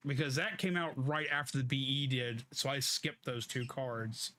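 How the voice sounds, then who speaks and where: A man's voice: medium pitch, steady tone, moderate pace, bright, forceful tone. Casual man streaming games, faint noise. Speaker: game streamer. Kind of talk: casual gaming commentary.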